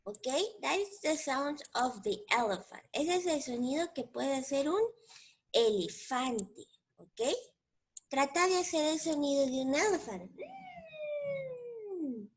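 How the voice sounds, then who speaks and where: A woman's voice: high voice, lively intonation, a little slow. A woman teacher with a Mexican Spanish accent, giving a patient bilingual English lesson to young children and repeating each word in both languages.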